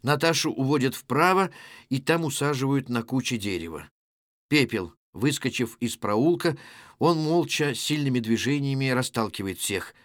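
A man reading a play aloud, dropping his voice low for the stage directions. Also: lively intonation, moderate pace, no echo, clean studio sound. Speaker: reader.

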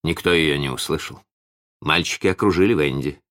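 A man narrating a children's story in an expressive, animated audiobook reading. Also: very deep voice. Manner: animated storytelling, slow and deliberate.

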